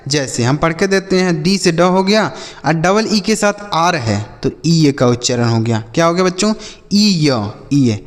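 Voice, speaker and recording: A man with a slightly high voice teaches phonics, walking children through each sound and asking them back. His voice rings with a long, hall-like reverb. He talks with patient repetition. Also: lively intonation, a little slow. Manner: patient, repeats and quizzes the children. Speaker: English teacher. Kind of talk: classroom-style phonics lesson.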